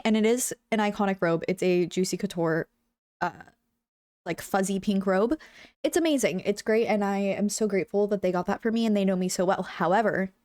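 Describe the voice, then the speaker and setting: A bubbly young woman chats with her viewers' live chat from home. Her voice is mid-range and a little mellow, a bit congested, and she peppers everything with "like" and "um".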